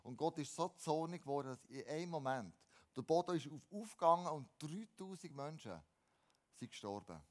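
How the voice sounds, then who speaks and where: A man preaches in a voice that sits a little high for a man. He moves between loud, emphatic lines and low, quiet ones. He often repeats words and restarts his phrases. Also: animated, moderate pace. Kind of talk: sermon.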